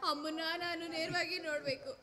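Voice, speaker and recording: A woman's voice: extremely high pitch, steady tone, fast. A woman playing a devoted young daughter in a village stage drama, crying and pleading tearfully. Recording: stage recording with music behind.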